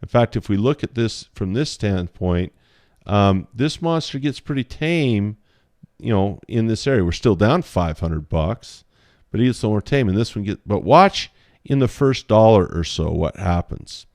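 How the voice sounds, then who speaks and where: Low-voiced, chatty male trading teacher. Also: animated, moderate pace, a little mellow, dry recording, clean studio sound. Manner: chatty and playful, thinking aloud while drawing on a chart. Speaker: options trading instructor. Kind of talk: casual screen-share lesson.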